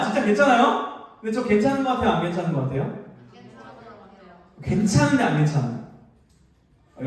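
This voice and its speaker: A man's voice: high voice, darkish tone. A young adult man, a youth pastor, giving a playful youth sermon and asking his audience questions. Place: church hall, heard from far off. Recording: very echoey hall from far off.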